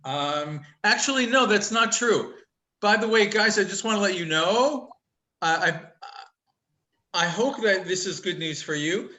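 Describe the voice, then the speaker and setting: A man teaching a casual online college class over a video call, chatty and upbeat, quick-talking and fond of teasing his students with jokes. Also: high voice, animated, bright, forceful tone, poor audio. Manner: talks quickly. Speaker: college instructor.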